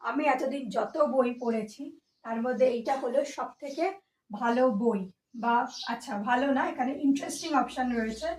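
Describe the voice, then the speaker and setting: Woman tutor going over exam answers, high voice, sounds a bit far from the mic. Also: normal speed, darkish tone, a little hiss or hum. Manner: patient, explains step by step, mixes in English phrases. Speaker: English grammar teacher. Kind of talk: exam-prep lesson explaining answers. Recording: echoey room, voice from a distance.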